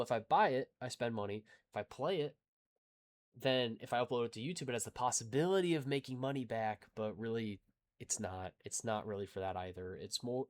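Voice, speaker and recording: A young man in his twenties, a gaming YouTuber chatting casually and rambling to his viewers with self-deprecating asides. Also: mid-range voice. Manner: rambling, self-deprecating, talks in restarts and filler.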